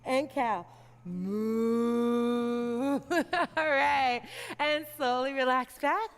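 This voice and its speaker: A woman's voice: sits high, slow, fairly bright tone. A young woman leading a kids yoga class in a playful, upbeat way, laughing often. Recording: long hall reverb.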